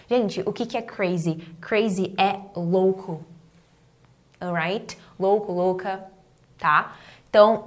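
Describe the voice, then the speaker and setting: A woman with a Brazilian Portuguese accent teaching an online English lesson, saying example phrases slowly and prompting students to repeat them. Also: on the high side. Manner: encouraging, checks understanding with "tá?" and "certo?".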